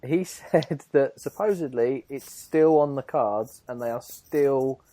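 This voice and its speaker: A man's voice: mid-range voice, slow, mellow, no echo. Chatty man hosting a podcast, dry sound. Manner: chatty, teasing, leads the conversation. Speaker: podcast host. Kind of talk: casual chat.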